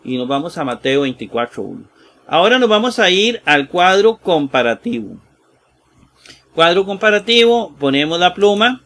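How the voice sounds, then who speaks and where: A man teaching a Bible lesson, slow and halting with many fillers, sounding out Greek words piece by piece and checking in with his listeners. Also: sits high, sing-song, fairly bright tone. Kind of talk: screen-shared exegesis lesson.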